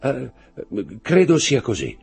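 A man's voice: medium pitch, huge pitch swings, takes it slowly, gravelly, a little mellow, slightly rough, voice pushed up, exaggerated voice. A man voicing a frightened male steward who pleads and cries out in panic, read over faint music. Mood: uneasy. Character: anxious, terrified male steward with a guilty secret.

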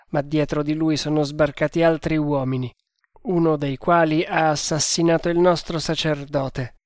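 A fanatical temple guard declares his threats in a loud, solemn voice, as a male narrator puts him on. The voice sits somewhat high and sounds dry and close. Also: no room sound, natural voice. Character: grim male cult sentinel, fanatical and menacing.

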